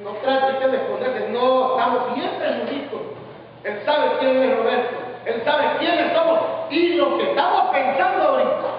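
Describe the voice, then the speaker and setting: A man's voice: extremely high pitch, moderate pace. A male preacher giving an emphatic Bible class sermon, often asking the congregation questions. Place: church hall. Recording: distant, echoey church hall, lo-fi.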